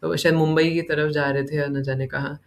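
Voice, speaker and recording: A man with a fairly high-pitched voice leads a relaxed scripture class. He talks in a loose, chatty way and keeps tagging questions onto the ends of his points. Now and then he slips into recited verses. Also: fairly quick, creaky. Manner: keeps asking "है ना?" as a tag question; mixes in English words and recites verses. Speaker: devotional class speaker.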